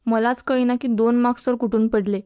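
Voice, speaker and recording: A woman's voice: fairly high pitch, steady tone, fairly quick, mellow, clear, resonant tone, no room sound, studio quality, close to an everyday voice. A woman voicing a cheeky, joking young male college student with a flippant way of talking. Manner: teasing, flippant.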